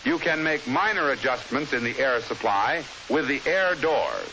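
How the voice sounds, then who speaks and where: An American man reading a scripted 1950s instructional film narration in a formal, measured, explanatory manner, on an old film soundtrack. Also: mid-range voice, low-quality recording. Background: steady hiss.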